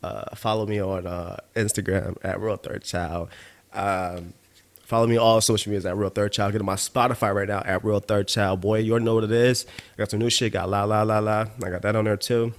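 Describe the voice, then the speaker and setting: Low-voiced, loose-talking male podcast host. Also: fairly even intonation, fast. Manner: loose, profane storytelling with frequent "you know what I mean" and "bro". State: a bit tipsy from drinking. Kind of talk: casual monologue.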